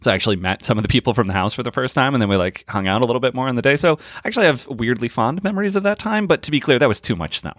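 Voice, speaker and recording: A man co-hosting a podcast, chatting casually and telling quick, jokey stories. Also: medium pitch, lively intonation, a bit bright. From northeastern United States. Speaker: podcast co-host. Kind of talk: casual chat.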